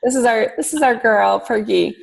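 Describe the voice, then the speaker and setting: A Philippines-born woman chatting as a podcast guest, upbeat and enthusiastic, with loose pauses and fillers. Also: on the high side, gravelly. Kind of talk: casual podcast interview.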